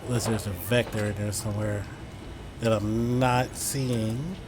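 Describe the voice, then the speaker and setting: A man's voice: lowish voice, steady tone, unhurried. Man muttering casual flight-sim commentary over noise. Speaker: flight simulator streamer. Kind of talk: casual gameplay commentary, thinking aloud through procedures. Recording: clear background vehicle-like noise.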